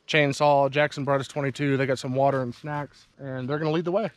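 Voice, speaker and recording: A man's voice: mid-range voice, fairly quick, heavy background noise. A man vlogging outdoors, casually explaining his farm to the camera as he walks through the woods. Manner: relaxed, explanatory, walking and talking.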